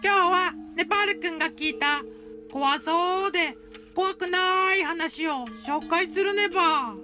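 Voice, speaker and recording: In a very high-pitched, sharp-toned voice, a woman gives a heavily acted performance at a measured pace. She's playing a cheerful, cutesy mascot who tells short stories and adds a cute tic to each sentence. Light music sits in the background of this upbeat clip.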